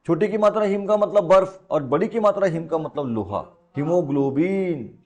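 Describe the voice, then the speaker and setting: With a mellow voice on the high side, a male coaching teacher lectures at a moderate pace. His style is casual and playful, with lots of repeated key words and rhetorical questions aimed at the class.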